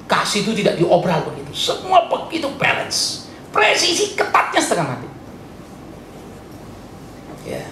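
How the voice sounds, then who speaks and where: Animated male pastor in a roomy hall. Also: normal speed, creaky, pauses often. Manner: animated, swinging from soft asides to loud high exclamations; chatty, joking, mixes in English words. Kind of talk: sermon. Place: church hall. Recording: roomy church hall, faint noise.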